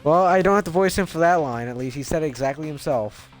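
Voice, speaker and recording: Higher-voiced man doing casual game commentary. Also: fast, soft background music. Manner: self-interrupting, rambling asides. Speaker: video game let's player. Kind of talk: casual game commentary with character read-alouds.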